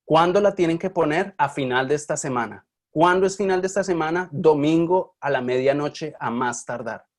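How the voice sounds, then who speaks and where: A man's voice: a little high, moderate pace. A man teaching an online university class, lecturing casually and often checking in with his students. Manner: chatty, checks in with frequent questions. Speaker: university Spanish linguistics teacher.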